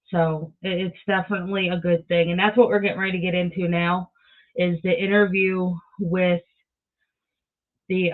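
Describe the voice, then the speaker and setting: High-pitched man, casual host, phone-like sound. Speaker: video host. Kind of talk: casual commentary. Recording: thin phone-like audio.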